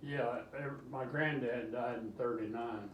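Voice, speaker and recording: An elderly man reminisces casually, haltingly rambling and repeating himself as he recalls things. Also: mid-range voice, fairly even intonation, lo-fi sound. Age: 80s or older. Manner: old man's halting, rambling recollection with repeats. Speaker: interviewee, grandfather. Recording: roomy, distant mic, faint background noise.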